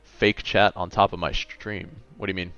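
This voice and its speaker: A man's voice: low voice, flat delivery, normal speed, fairly bright tone, lo-fi sound, soft background music. A man in his late twenties chatting casually on a gaming livestream, laid-back and a bit tired, rambling as he answers chat. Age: late 20s.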